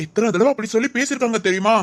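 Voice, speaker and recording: A woman's voice: fairly high pitch, rapid-fire, lightly acted. A woman voicing a young husband in a family audio drama, teasing and reassuring his wife. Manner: scolding yet affectionate, reassuring.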